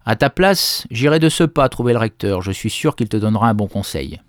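A man's voice: lowish voice, animated, brisk, no echo, clean studio sound, lightly acted. A man voicing a practical peasant wife who coaxes her husband. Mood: coaxing.

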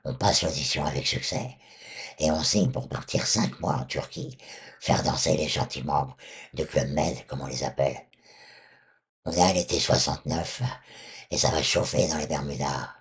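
An older man with a hoarse, honking duck-like voice, recounting his memories at a measured pace as a former singer. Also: very deep voice. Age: 60s or older. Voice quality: honking duck-like voice, hoarse and rough from removed vocal cords. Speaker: former rock singer, interview guest.

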